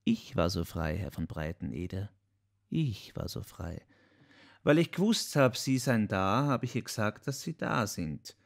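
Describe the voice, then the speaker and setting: A man voicing an obsequious little man in an audiobook, deferential and measured. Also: fairly low pitch, big pitch swings, vocal fry, heavily acted. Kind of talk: audiobook character voice.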